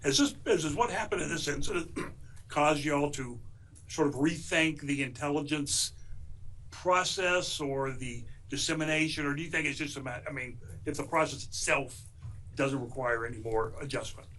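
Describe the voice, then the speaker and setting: Higher-pitched man, a reporter asking. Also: normal speed, fairly bright tone, poor audio. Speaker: newspaper reporter. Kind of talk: asking a question at a press briefing.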